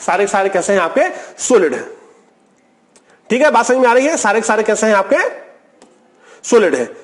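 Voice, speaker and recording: A man teaching a chemistry video lecture, who keeps asking a question and answering it himself in a steady repetitive explaining style. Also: high voice, moderate pace. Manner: asks the class a question, then answers it himself.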